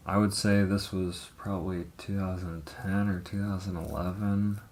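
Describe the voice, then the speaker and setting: A man's voice: deep voice, steady tone, moderate pace, darkish tone. A man in his thirties casually telling his life story on a livestream, hesitant and rambling with frequent ums and the odd swear word. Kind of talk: casual live testimony.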